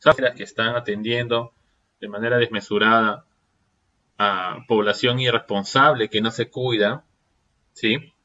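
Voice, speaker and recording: A man's voice: on the low side, fairly even intonation, a little slow, bright, forceful tone, muffled recording. A man giving a seminar lecture, firing off rhetorical questions and checking in with the audience. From Peru.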